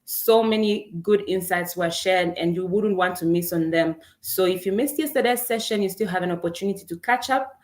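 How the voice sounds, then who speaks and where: A young Zambian woman hosts a live online career webinar over a video call, greeting attendees by name as she reads them from the chat in an upbeat, welcoming way. Her voice is lowish and a little mellow, moving at normal speed with hardly any pauses.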